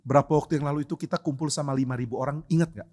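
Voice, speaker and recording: A man acting out a patient male teacher who quietly questions his students during a sermon. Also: a little high, fairly even intonation, racing, close to an everyday voice. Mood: gentle questioning. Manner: soft-spoken, probing questions. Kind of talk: acted scene within a sermon.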